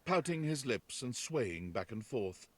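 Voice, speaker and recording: An actor playing a narrator, reading scripted stage descriptions in a video game. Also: male voice, medium pitch, big pitch swings, measured pace, slight background noise. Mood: descriptive. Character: male narrator describing characters' coy gestures.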